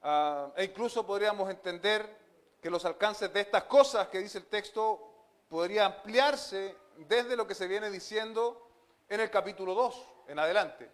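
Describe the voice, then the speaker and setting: A man's voice: high voice, moderate pace. A male pastor delivering an expository sermon, earnest, with frequent fillers and amens.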